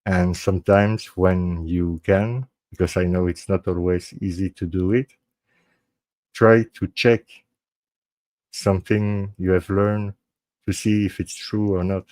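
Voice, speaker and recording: A French-speaking Belgian man signs off his live true crime stream in a low, flat, slightly mellow voice, recorded dry. His speech is halting and earnest, with frequent restarts and slips into French, his first language.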